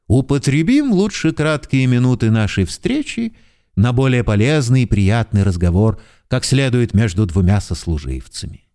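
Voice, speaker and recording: A smug clerk voiced by a man talks down to his pleading double in short, offhand replies. The tone is mellow and dark, with lively shifts in pitch. It is an audiobook character voice. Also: moderate pace. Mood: smooth. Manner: curt, condescending, offhand. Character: smug, coolly dismissive male double, a clerk.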